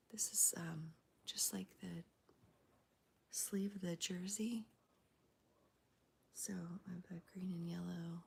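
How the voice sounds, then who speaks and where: A woman streaming live, whispering as she chats with viewers, her voice gravelly from a cold. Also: medium pitch, slight background noise. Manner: soft whispering with fillers. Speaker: crochet livestreamer. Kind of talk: whispered ASMR livestream chat. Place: home, early morning.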